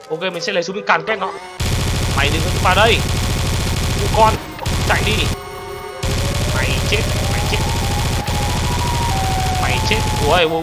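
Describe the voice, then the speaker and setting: Young guy, let's play commentary, jumpy and panicky, loud music behind. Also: high voice. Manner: excitable, bursts into panicked exclamations; talks to viewers directly. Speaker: gaming channel host. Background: loud game music.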